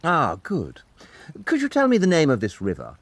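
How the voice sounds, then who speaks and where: An actor playing Sherlock Holmes, a confident, deductive detective, speaking deliberately and theatrically in an audio drama. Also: male voice, fairly high pitch, huge pitch swings, dry recording, full character voice. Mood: brisk, polite. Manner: deliberate, theatrical, self-assured.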